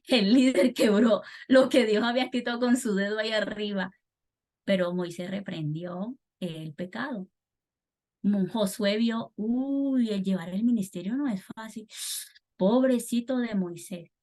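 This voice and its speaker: A woman giving a church training talk to children's ministry teachers, emphatic and repeating key words for stress. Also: fairly high pitch.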